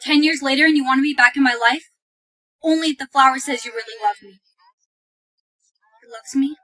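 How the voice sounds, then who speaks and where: A young woman with a high, girlish voice plays a dramatic, easily wounded teenage girl. The delivery belongs to a short, acted social video skit. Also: quick pace, pushed and bright, rough recording. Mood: bitter. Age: young adult.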